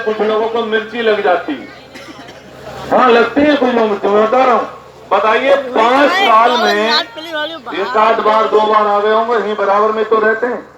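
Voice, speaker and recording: A man speaks at a high pitch to an outdoor village gathering. He drives his political speech with repeated figures and pointed questions. His voice comes through an echoey, muffled public address system over a busy crowd. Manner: rhetorical, repeats figures and questions, rises to indignant shouts. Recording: echoey, dull PA sound with crowd noise.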